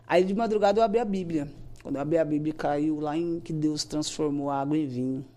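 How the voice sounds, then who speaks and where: A woman's voice: sits low, a little fast, warm tone. A woman giving an emotional church testimony, acting out her own prayers as she tells her story.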